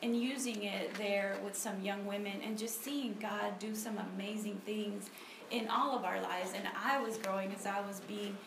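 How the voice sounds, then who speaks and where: A woman's voice: mid-range voice, steady tone, normal speed, gravelly, hardly any pauses. Woman speaking in an echoey, noisy room. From Honduras. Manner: conversational, frequent ums and restarts. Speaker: speaker at a church ministry meeting. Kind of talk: personal testimony talk with prayer. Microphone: phone recording on a table. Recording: echoey room with noticeable background noise.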